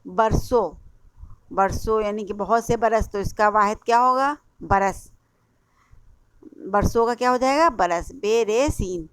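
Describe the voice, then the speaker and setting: A woman's voice: mid-range voice, measured pace, clean tone, no room sound. A woman with an Indian Urdu accent teaching a class-eight lesson, spelling words out letter by letter and repeating answers as she quizzes. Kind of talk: classroom lesson explaining a workbook.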